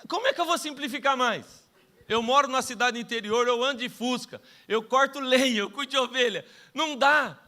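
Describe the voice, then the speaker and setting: A man's voice: very high voice, fairly quick, pushed and bright. A middle-aged Brazilian man preaching a sermon as pastor, telling stories with self-mocking humor and acting out the dialogues. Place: church stage.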